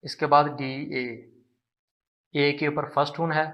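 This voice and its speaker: A man teaching a language lesson, explaining slowly and patiently and repeating syllables to demonstrate them. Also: on the high side, level tone, lo-fi sound. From Pakistan.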